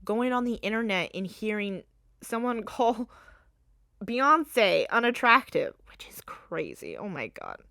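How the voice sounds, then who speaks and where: Female podcast host, young, animated and profane, close dry mic. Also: mid-range voice, measured pace, vocal fry, dry recording. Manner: animated, swears freely, laughs and trails off mid-thought. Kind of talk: casual solo podcast rant.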